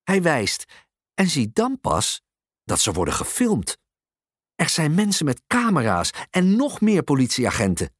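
An expressive storyteller reading a children's picture book aloud at an unhurried pace. The voice moves lively through the pitch range. The recording is close and dry. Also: slightly rough, dry recording.

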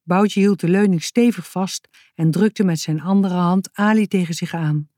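Een vrouw die levendig en expressief een kinderverhaal voorleest. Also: female voice, lowish voice, normal speed, dry recording, clean studio sound. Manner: lively, expressive reading. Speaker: narrator. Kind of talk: reading a children's story aloud.

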